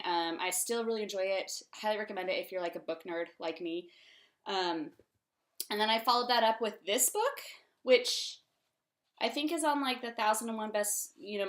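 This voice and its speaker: A woman's voice: medium pitch, a bit bright. Chatty young woman hosting a casual book vlog, lots of ums and likes. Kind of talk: casual book-review chat.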